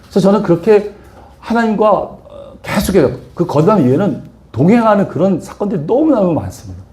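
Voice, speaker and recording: Middle-aged pastor guy preaching, tells stories, asks the crowd stuff, warm mellow voice. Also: high voice, big pitch swings, fairly quick. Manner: storytelling, asks the audience questions. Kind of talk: sermon with personal testimony.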